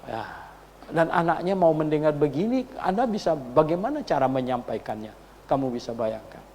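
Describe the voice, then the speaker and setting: A male pastor preaching a sermon, telling a story and asking the congregation for agreement, rising to loud, high emphasis. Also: expressive, moderate pace, a little hiss or hum. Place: church hall. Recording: long hall reverb.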